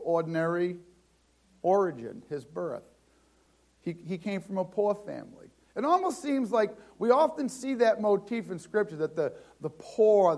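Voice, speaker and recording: A man preaching a sermon in a conversational way, often restarting and repeating words, and slowing down with a lower voice for scripture.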